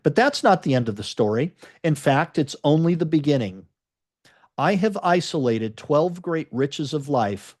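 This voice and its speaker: A man's voice: a little high, animated, unhurried, a little mellow. A man reading a self-help book aloud as host, earnest and emphatic, and breaking off for casual comments of his own.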